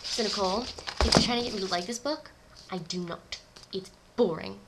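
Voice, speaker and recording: A woman's voice: mid-range voice, fairly quick, very noisy. A woman reading a novel aloud in an amateur way, stumbling over words and correcting herself. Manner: blunt, unimpressed in her own comments. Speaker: reader.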